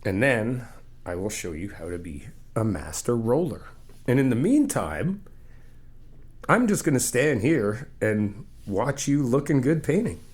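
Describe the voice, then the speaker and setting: In an ASMR friend roleplay, a man with a mid-range voice speaks to the listener at a measured pace. He is playful and encouraging, laughs often, and calmly explains things step by step.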